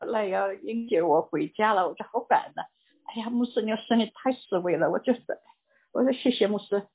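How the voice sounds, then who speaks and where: An older woman giving a personal church testimony in a halting way, repeating words and dropping in English words. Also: medium pitch, creaky. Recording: tinny phone-like recording.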